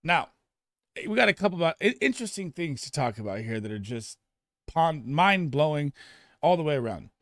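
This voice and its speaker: A man giving casual fantasy football start and sit analysis in an emphatic, rapid way, often restarting his sentences. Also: on the high side, big pitch swings, fairly bright tone, no echo, studio quality.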